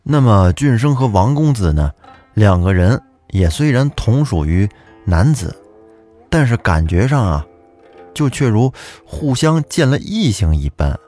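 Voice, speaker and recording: Chatty male storyteller, lively voice. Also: fairly low pitch, a little slow, faint music behind. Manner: chatty, addresses listeners directly. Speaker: storyteller host. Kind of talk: storytelling narration of a folk tale.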